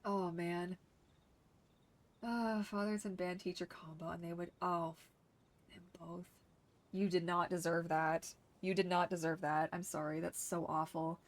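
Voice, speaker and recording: A woman's voice: fairly low pitch, no echo. A young woman streamer chatting casually and emotionally with her viewers, swearing freely and laughing often. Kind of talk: casual live-stream chat.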